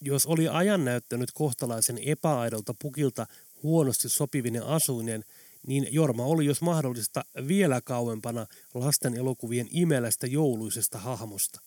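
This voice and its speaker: A man narrating an audiobook in an even, steady storytelling voice. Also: medium pitch, dry recording. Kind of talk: scripted narration. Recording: dry close studio sound.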